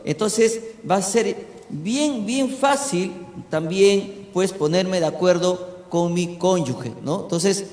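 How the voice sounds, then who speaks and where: High-voiced pastor man in echoey church. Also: slow pace, darkish tone. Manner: preaching with frequent "¿no?" check-ins. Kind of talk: sermon teaching to a congregation. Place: church hall. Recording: echoey church hall with long reverb.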